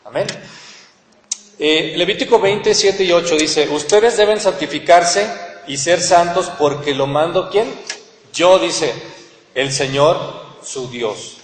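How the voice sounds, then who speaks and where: Mexican pastor preaching in an echoey hall. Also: male voice, on the high side, slow pace. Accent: Mexican Spanish. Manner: earnest, keeps calling on listeners with rhetorical questions. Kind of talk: sermon. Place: church hall. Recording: echoey church hall with long reverb.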